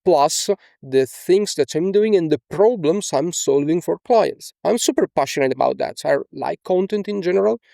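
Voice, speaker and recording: A young man from Italy, speaking with an Italian accent, coaches casually in a screen-share tutorial, often tagging on "okay?" and fillers, from a small indoor room. His voice sits on the high side yet sounds gravelly and dark. It's studio quality with no echo.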